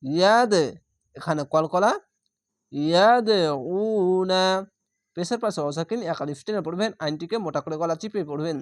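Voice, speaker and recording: A man with a Bangladeshi Bengali accent teaching Quran reading, spelling each word letter by letter and then drawling it slowly. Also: fairly high pitch, no echo, studio quality. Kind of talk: spelled-out Quran recitation lesson.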